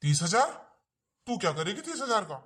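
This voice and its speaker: A woman's voice: mid-range voice, very animated, fairly quick, a bit bright. A woman playing a grumbling, stingy elderly father-in-law who lectures in a family drama skit.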